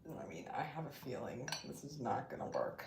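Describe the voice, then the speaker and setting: With a very deep voice, big pitch swings and a fairly quick pace, a woman hosts a casual home-kitchen cooking livestream, hesitating and thinking aloud as she goes. Background noise fills the echoey room, where dishes and cutlery clatter loudly.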